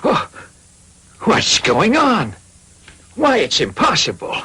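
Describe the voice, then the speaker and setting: In a cartoon dub with music playing behind him, a male actor voices a kindly old woodcarver and father who mutters and exclaims as he grows indignant and exasperated. The exaggerated voice is high with huge pitch swings, delivered at a slow pace.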